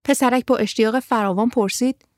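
A woman narrating a story in a calm, even reading voice. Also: fairly high pitch, dry recording, studio quality.

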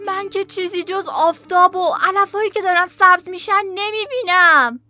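A woman voicing a very high, bright young sister. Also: soft background music, full character voice. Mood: calling out. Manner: calling out, reporting eagerly. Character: young sister keeping watch from a tower. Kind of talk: storybook reading.

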